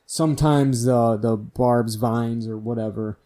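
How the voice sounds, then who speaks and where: A man's voice: medium pitch, fairly even intonation, unhurried, warm tone. A young man from the American Midwest co-hosting a podcast, laid-back and swearing casually in loose chat. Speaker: podcast co-host.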